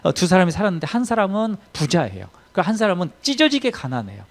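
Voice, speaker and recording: Male pastor, Sunday sermon, higher voice, very animated pitch, emphatic storytelling. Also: fast talker. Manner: storytelling with acted quotes, emphatic swings in loudness.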